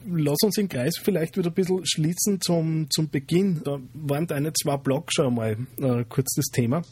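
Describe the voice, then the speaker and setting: A man hosting a podcast interview, asking calm, measured questions. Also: on the high side, slightly rough. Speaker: podcast host.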